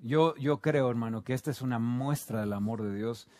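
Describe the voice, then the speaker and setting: A man with a Guatemalan Spanish accent preaching a sermon, moving from quiet reflection to loud shouted climaxes. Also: medium pitch, normal speed, dry recording.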